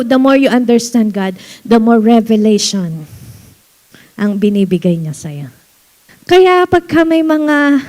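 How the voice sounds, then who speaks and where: A woman pastor preaching a sermon in church, animated, slowing down to read verses and laughing often. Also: high voice. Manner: animated preaching mixing Tagalog and English, reads verses slowly, laughs often.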